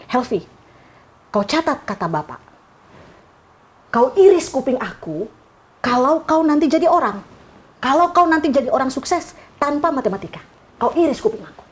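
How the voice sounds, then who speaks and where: A man's voice: extremely high pitch, sing-song, moderate pace, long pauses, pitched above the performer's own voice. A woman doing a stern scolding male teacher. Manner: blunt, scolding.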